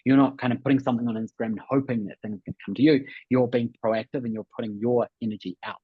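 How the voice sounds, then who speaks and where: A New Zealand man, host and business coach of a webinar, explains things emphatically, repeats key points and checks in often. His voice is mid-range, fairly even, fast and slightly rough, and the webinar audio sounds muffled and roomy.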